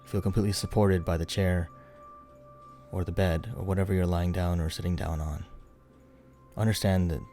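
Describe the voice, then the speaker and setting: A deep, relaxed male voice leads a guided meditation over soft background music. His instructions are soothing and unhurried, with space left between phrases.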